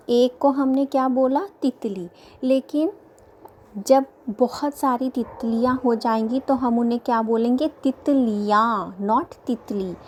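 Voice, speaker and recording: A woman teaching a children's grammar lesson, slowly repeating each word pair and asking and answering her own questions, mixing English words into her speech. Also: fairly high pitch, a little mellow, a little hiss or hum.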